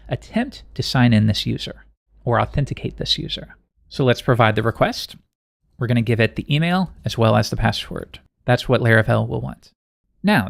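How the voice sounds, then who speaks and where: A man teaching web programming in a screencast, talking through code in a relaxed, conversational way as he works. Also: medium pitch, gravelly, dry recording, studio quality. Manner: relaxed, conversational, thinking aloud while coding. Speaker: programming instructor. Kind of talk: screencast coding tutorial.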